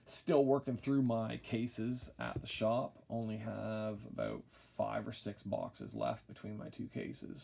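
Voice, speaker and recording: A man's voice: mid-range voice, vocal fry, background noise. A tired man casually commentating a trading card break at night, droning and mumbling with wry, rambling asides. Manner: wry, rambling, self-deprecating. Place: home room at night.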